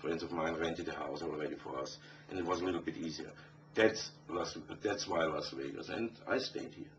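A middle-aged Austrian musician, a native German speaker with an Austrian German accent, answers interview questions conversationally in a very deep voice at a moderate pace. The interview audio sounds dull, distant and faintly noisy.

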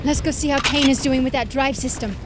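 A woman's voice: high-pitched, steady tone, brisk, very noisy, lightly acted. A woman voicing an urgent, commanding female soldier comrade in a video game. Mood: alert, firm.

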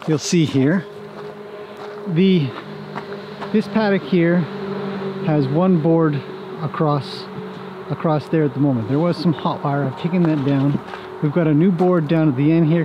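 Out on a wooded horse property, a relaxed vlog host who owns the paddock gives a casual walk-and-talk explanation. His voice sits a little high and his manner is easygoing, with clear outdoor background sound.

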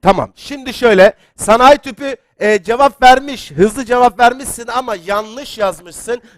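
A high-pitched man hosts a live quiz stream with excitable, chatty energy. He reads viewer comments aloud and pushes the audience along. The sound is dry and close, with almost no room in it. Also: moderate pace, no room sound. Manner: excitable, gets loud then apologizes. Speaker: quiz show host.

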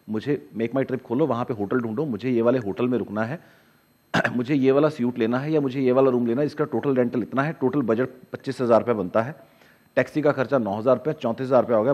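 A man teaching in a casual lecture to camera, animated, acting out inner voices in asides. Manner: animated, acts out inner voices with sudden drops in pitch and loudness. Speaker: spiritual teacher.

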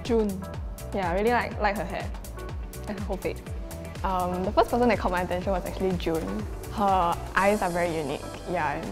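A woman in her twenties, a model trainee speaking softly in a confessional interview. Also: mid-range voice, fairly even intonation, brisk, over music. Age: 20s. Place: studio set, seated.

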